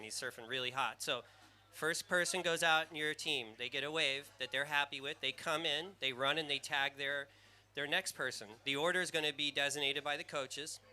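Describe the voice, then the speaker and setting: A man calling a live surf contest, excitable and rambling, with a squeaky surfer voice, naming riders by jersey color. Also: fairly quick.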